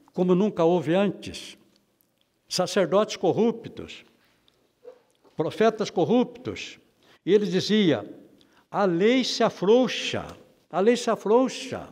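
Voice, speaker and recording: A man's voice: on the high side, a little mellow. Emphatic Brazilian man teaching in a hall. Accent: Brazilian Portuguese. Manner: emphatic, repeats phrases, calls listeners brother. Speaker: Bible teacher. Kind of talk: expository Bible class.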